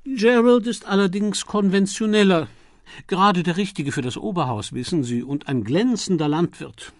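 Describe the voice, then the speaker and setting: Man putting on a high, sweet old duchess. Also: normal speed, no room sound, clean studio sound, natural voice. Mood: fond. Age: older. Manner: gushing, sweetly persuasive. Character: gracious older dowager duchess, shrewd and charming. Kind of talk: audiobook character voice.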